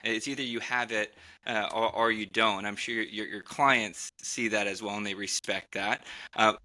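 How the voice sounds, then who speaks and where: A man's voice: fairly low pitch, steady tone, moderate pace, pushed and bright. A man interviewing a guest for his industry association, often restarting and repeating words as he builds his questions.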